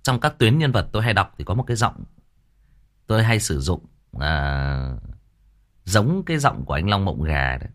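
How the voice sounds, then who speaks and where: A man with a low, deep voice talks loosely to his livestream audience about a story. His pitch swings up and down a lot as he goes, and he keeps stumbling over repeated words before he finds the one he wants. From Vietnam. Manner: rambling, repeats words often. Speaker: audiobook narrator and channel host. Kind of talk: casual livestream commentary.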